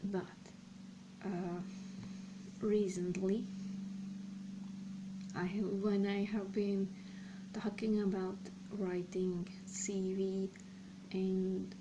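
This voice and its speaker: Hosting a language channel, this young Serbian vlogger, a native speaker of Slovak and Serbian, chats casually about personal matters. Her voice sits at medium pitch with little pitch movement, and her delivery is slow and halting as she thinks aloud, pausing often. Background noise is clearly audible.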